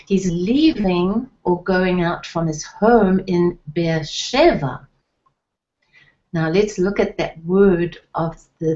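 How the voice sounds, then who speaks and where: A woman's voice: fairly low pitch, a little mellow. A middle-aged woman teaching a Hebrew lesson, patiently spelling out letters and sounds. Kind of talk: slow, deliberate online lesson. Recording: dull lo-fi recording.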